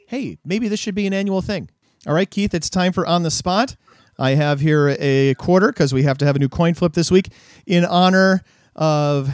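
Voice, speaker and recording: Relaxed man co-hosting a sports podcast. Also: a little high, dry recording, studio quality. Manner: relaxed, hesitant fillers, chuckles. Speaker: podcast co-host. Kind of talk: casual sports podcast chat.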